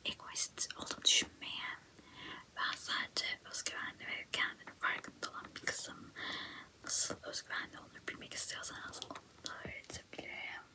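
A young woman performs a whispered role-play in a quiet, late-night hush. She acts out a smug, self-absorbed ASMR girl, full of self-praise and theatrical grumbling, all in breath with no voiced tone. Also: moderate pace, close to an everyday voice. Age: young adult. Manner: self-admiring, theatrically complaining. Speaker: ASMR creator. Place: small indoor room.

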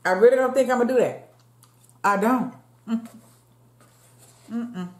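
A chatty mukbang vlogger in her late 50s eats between words while talking casually to viewers she calls y'all. Her voice is a little high and slightly mellow, unhurried, and the fixed camera across her table in a dim room at home picks up a roomy echo.

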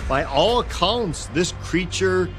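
A man's voice: high-pitched, expressive, slow. A middle-aged man giving storytelling commentary in a studio documentary interview. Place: indoor studio. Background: music.

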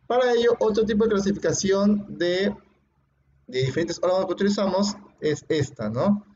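A male teacher with a high voice walks his students through phonetics, sounding out each consonant slowly and checking in with a quick question after nearly every phrase. He praises his students warmly when they answer. The recording is muffled and lo-fi, with a faint hiss and occasional clicks underneath. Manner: explains patiently and often ends phrases with "¿no?"; demonstrates sounds by repeating them slowly. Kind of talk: classroom lecture.

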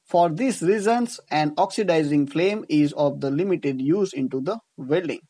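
This is an engineering instructor with an Indian accent delivering a scripted slide lecture, explaining in a didactic manner and rephrasing as he goes. His slightly high voice has a warm tone and moves at a normal speed.

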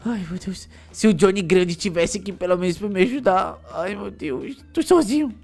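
A man's voice: sits high, normal speed, darkish tone, soft background music. A man voicing a bratty, easily stressed little boy with a whiny, panicky manner and cheeky insults, in a Minecraft role-play. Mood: scared.

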